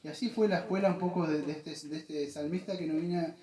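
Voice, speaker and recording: A man's voice: fairly high pitch, steady tone, fairly quick, mellow, reverberant, slight background noise, rough recording. A man with an Argentine accent preaching a sermon, earnest and repetitive, often addressing listeners as beloved. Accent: Argentine Spanish. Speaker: pastor. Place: church.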